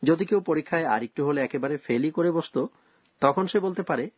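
Husky-voiced man presenting a lesson. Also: a little high, no echo. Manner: slow, careful explaining of grammar rules. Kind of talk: scripted radio language lesson.

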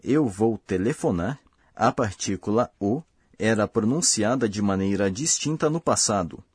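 A man with a husky, low-set voice reads a language lesson in a slow, careful, explanatory way. The sound is dry and close, with no room around it. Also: animated, no echo. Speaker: language course host. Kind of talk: scripted lesson narration.

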